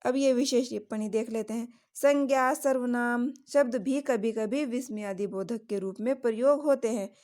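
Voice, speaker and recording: A woman teacher explaining grammar in a steady lesson, giving examples one after another. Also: on the high side, normal speed, hardly any pauses.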